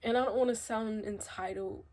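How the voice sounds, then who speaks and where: A young woman crying as she speaks a halting, emotional confessional vlog, her voice rising and breaking as she gets upset. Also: a little high, fairly even intonation, darkish tone. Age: young adult. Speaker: vlogger.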